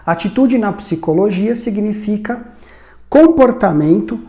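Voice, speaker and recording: A man's voice: high voice, animated, unhurried, warm tone, echoey room. A man teaching about communication in a conversational explainer style, asking rhetorical questions and adding tag questions. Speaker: communication instructor. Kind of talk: educational explainer video.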